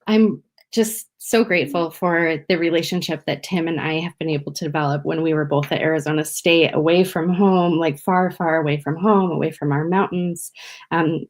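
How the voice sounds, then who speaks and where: A woman speaking as a guest educator on a video call, halting and emotional, with many fillers. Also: low-pitched. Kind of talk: informal event remarks.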